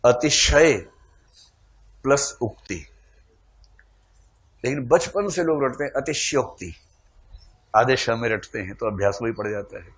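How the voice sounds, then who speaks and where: A man's voice: mid-range voice, lively intonation, a little fast, few pauses. Playful male teacher quizzing a class. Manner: quizzes the class, asks for shows of hands; teasing, playful with students. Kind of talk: classroom lecture.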